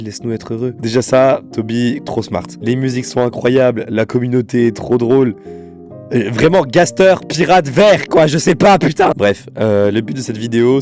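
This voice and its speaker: A man doing casual, slangy video game commentary, exasperated and congested, his throat swollen from tonsillitis and his voice giving out. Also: a little mellow. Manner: exasperated, slangy, swinging into high outbursts. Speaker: video host.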